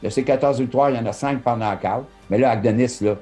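A mellow, darker-toned man in his sixties with a Québécois accent reads out a boxing card. He lists fighters and their records in a brisk, matter-of-fact way, close to a webcam, with faint music underneath. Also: mid-range voice. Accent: Québécois French. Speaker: boxing promoter. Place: office with posters, indoors. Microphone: phone or webcam close to the face.

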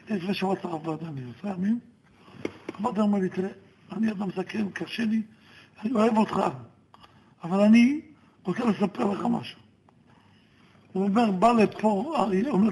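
A man's voice: high voice, husky, rough recording. A man recounting events in a played recording, steadily quoting what others told him.

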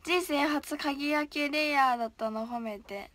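A woman's voice: sits high, moderate pace, fairly bright tone. A young woman idol chatting casually on a livestream, reading viewer comments aloud in a playful way and often dropping to a whisper. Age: young, still a student.

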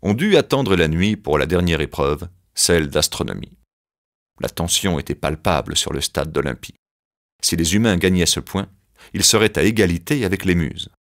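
A man reads a children's story aloud with a very deep voice. His pitch rises and falls a great deal as he paints each scene, in scripted, expressive storybook narration. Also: normal speed.

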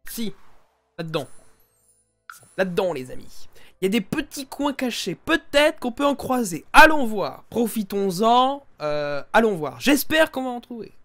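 A man's voice: sits high, sing-song, unhurried, a bit bright, faint music behind. Joking young man narrating a game. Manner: jokey, talks to viewers as "les amis". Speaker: gaming YouTuber. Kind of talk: casual let's-play commentary.

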